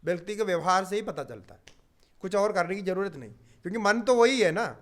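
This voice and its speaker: High-voiced older man teaching yoga. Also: lively intonation. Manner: explains patiently with everyday examples, thinks aloud with drawn-out fillers. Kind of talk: spiritual teaching talk.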